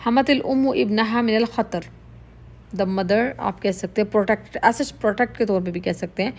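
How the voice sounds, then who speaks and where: A woman's voice: medium pitch, creaky, darkish tone. A woman teaching Arabic vocabulary, explaining words patiently in Urdu mixed with English and repeating them. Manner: patient, explains each word slowly and repeats it.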